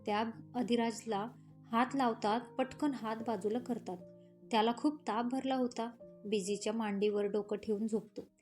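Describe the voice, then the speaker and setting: Mellow-voiced woman narrating a story. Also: on the high side, fairly even intonation, moderate pace. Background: faint instrumental music.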